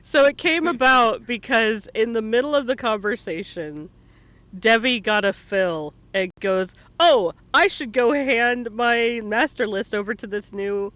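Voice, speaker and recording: A man hosts a casual livestream, interviewing a guest and telling stories playfully. His voice is very high-pitched and sharp, a little slow yet with hardly any pauses, and the live online stream audio has no echo.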